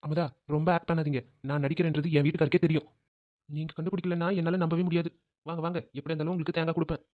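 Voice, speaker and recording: A pert, theatrical young cartoon wife who can turn on fake tears at will, voiced by an actor. She rattles off her lines at a very fast clip. The sound is dry and narrow, like it came over a phone line. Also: mid-range voice, flat delivery, no echo, close to an everyday voice. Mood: breezy. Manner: pert, quick, dramatic. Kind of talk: cartoon family drama dubbing.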